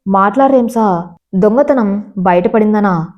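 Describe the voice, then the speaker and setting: A woman's voice: medium pitch, measured pace, natural voice. A woman narrator voicing a desperate young female employee who speaks in bitter, accusing tones. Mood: bitter accusation. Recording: slightly dull lo-fi sound.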